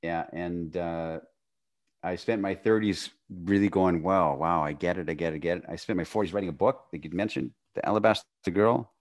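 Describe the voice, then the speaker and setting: A man in his fifties from northwestern Canada, a guest on a video-call podcast, telling his story in a relaxed way with frequent laughs and quiet, trailing phrases. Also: brisk. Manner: relaxed, laughs often, drifts into a quiet, low voice. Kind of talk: casual conversation. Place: home room, video call. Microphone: studio mic on a boom arm.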